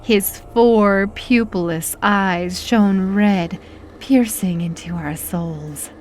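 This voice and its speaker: Trage, theatrale vrouwelijke verteller. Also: female voice, mid-range voice, slight background noise. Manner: slow, theatrical and ominous. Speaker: narrator. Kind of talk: dramatic horror story narration.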